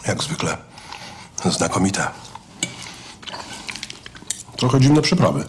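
An actor in his thirties playing a dry, wary husband, low-key and clipped, in a film drama. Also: big pitch swings, slow, heavily acted. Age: 30s. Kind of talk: understated film acting. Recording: noisy room with clinking tableware.

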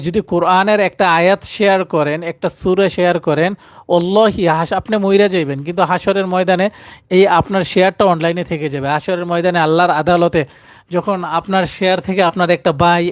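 Man, high voice, live-stream recitation teacher, dry close sound. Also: no echo. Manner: pleads for likes and shares.

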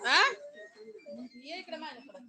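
A woman's voice: high-pitched, a little slow, heavy background noise. A woman on a casual home live stream, coaxing and scolding a crying child. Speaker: vlogger.

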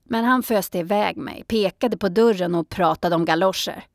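A woman narrating a children's audiobook in a calm storytelling manner. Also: medium pitch, dry recording, studio quality.

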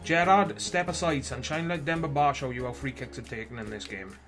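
A young man with a Welsh accent giving casual gameplay commentary, chatty one moment and shouting at the game the next, with mild swearing. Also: mid-range voice, brisk, faint music behind. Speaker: gaming video host.

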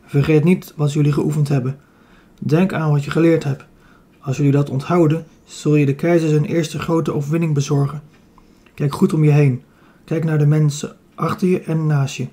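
A man's voice: a little high, flat delivery, moderate pace, mellow, close to an everyday voice. A man voicing a young male commander who gives his soldiers a stirring, commanding speech. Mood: rousing.

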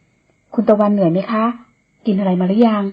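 A woman voicing a kind, fussing elderly housekeeper who speaks slowly and gently. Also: medium pitch, husky, lo-fi sound, lightly acted. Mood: caring. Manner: slow, gentle and caring.

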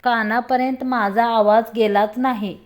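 Woman doing a cheeky young guy, mocks and scolds, storybook style, voice sits a bit high. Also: fairly even intonation, measured pace, lightly acted. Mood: scolding. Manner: playful mocking then scolding. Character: bold teasing young man, quick-witted protector.

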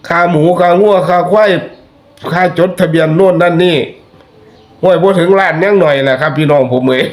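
A man's voice: a little high, a little fast. A man with an Isan accent giving chatty, folksy spoken commentary that turns into preachy warnings to his listeners. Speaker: online commentator.

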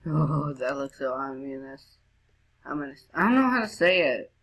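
Brief: woman, low pitch, let's play commentary, chatty with sudden high squeals. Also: big pitch swings, moderate pace, a bit bright. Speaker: gamer.

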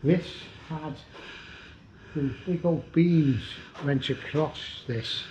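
A man's voice: fairly high pitch, very slow, warm tone, a little hiss or hum. An older man with a Northern English accent, guiding a visitor around a church clock tower and explaining it plainly, recorded on a moving camera inside a stone tower. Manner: plain, matter-of-fact explaining, sounds out chimes. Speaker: church clock expert guide. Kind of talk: explaining on a walking tour. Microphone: handheld camera mic, moving. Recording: dull lo-fi camera audio.

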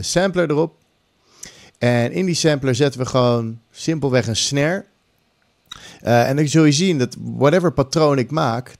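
In a dry recording from a small home room, a middle-aged man gives a relaxed screen-recorded music production tutorial, dropping English phrases in. His voice is medium-pitched, a little mellow and touched with vocal fry, captured close on a large boom-arm condenser mic, with music loops behind.

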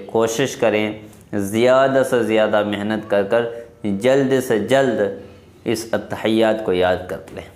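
A male religious teacher giving a recitation lesson, slowing way down to chant each phrase and then explaining quickly. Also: fairly low pitch, a little mellow, roomy sound. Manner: slow drawn-out recitation between quick explanations.

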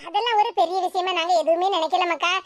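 A woman voicing a calm, reassuring middle-aged mother who speaks gently, with a Tirunelveli Tamil accent. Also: very high voice, fast, no echo. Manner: gentle, soothing.

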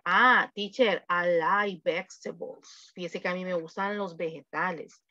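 Salvadoran female English teacher, unhurried delivery, lo-fi online class audio. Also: fairly low pitch, steady tone, bright, forceful tone. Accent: Salvadoran Spanish. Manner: slow, drawn-out English model phrases. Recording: dull lo-fi audio.

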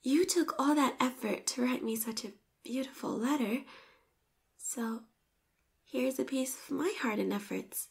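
A woman with a high, gravelly voice speaks a little slowly while playing a shy, flustered popular schoolgirl who has a crush. Her romantic roleplay is tender and bashful: sweet yet insistent, full of nervous stammers and whispered asides.

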